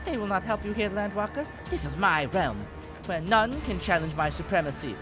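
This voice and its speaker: Man putting on an imperious, high-pitched monster goddess. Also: sing-song, normal speed. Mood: imperious menace. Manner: imperious, theatrical, archaic diction. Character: haughty, cruel female storm goddess monster, boastful. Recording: game music behind voice.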